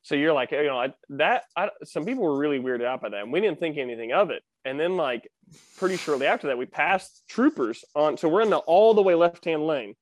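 A man's voice: a little high, expressive, brisk, dry recording. A man in a casual podcast chat, telling a shared story eagerly and jumping in with corrections. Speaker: podcast guest.

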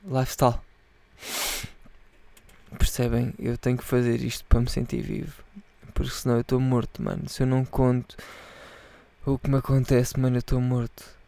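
Drunk gravelly Portuguese man rambling. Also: mid-range voice, monotone, brisk, dark tone. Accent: European Portuguese. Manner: rambling, repeats himself, swears freely. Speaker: podcast host. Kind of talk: rambling casual monologue to patrons.

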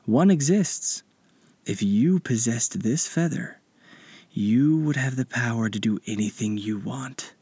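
A mysterious male spirit guide speaks slowly in a soft, breathy hush, as a man puts him on for a story. The sound is close and dry, with no room around it. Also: mid-range voice, expressive, no echo. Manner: slow, hushed, breathy delivery.

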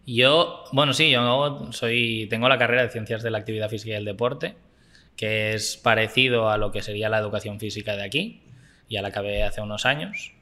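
A man in his twenties from Barcelona with a Spanish accent, talking about football coaching as a podcast guest in a relaxed, thoughtful way. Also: fairly low pitch, brisk. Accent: Spanish from Spain. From Barcelona, Spain. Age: 20s. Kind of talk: casual interview chat.

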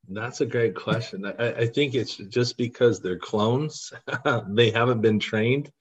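A man's voice: medium pitch, takes it slowly, slightly rough. Earnest man telling stories, dull sound. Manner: earnest, emotional when recounting. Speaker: podcast guest, costumed volunteer. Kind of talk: storytelling in an interview.

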